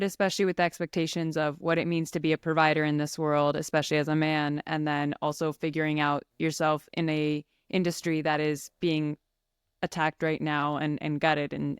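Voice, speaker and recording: A woman in her twenties hosting a podcast interview, speaking in a measured, reflective way. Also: low voice, clean tone, no room sound, studio quality. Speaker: podcast host.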